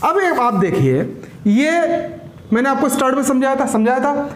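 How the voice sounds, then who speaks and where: A male science teacher with a very high voice, lecturing a class in an echoey room. He fires questions at his students, repeats every answer back to them and calls them "beta" as he drives each point home. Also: animated, moderate pace, a little hiss or hum.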